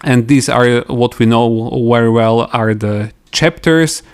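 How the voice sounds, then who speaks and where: A man from Slovakia, hosting an interview podcast in a halting way, often pausing to search for words. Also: mid-range voice, clear, resonant tone. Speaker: podcast host. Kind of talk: casual interview chat.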